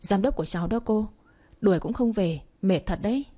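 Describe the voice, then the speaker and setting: A woman's voice: mid-range voice, expressive, fairly quick, warm tone, close to an everyday voice. A woman voicing a patient, polite young village man. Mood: weary. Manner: polite, apologetic, firm.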